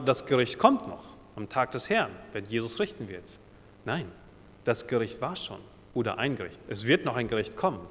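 A man's voice: medium pitch, a bit bright, long reverb tail, a little hiss or hum. A man preaching a sermon who reads Bible verses aloud, retells them in casual everyday words, and often corrects himself as he thinks aloud.

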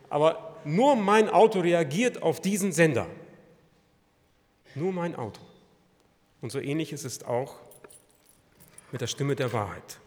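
Male preacher, fairly high voice, sermon delivery with loud bursts and hushed drops, long church-hall reverb. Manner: swings between loud emphatic peaks and quiet low phrases; repeats and restates phrases for emphasis.

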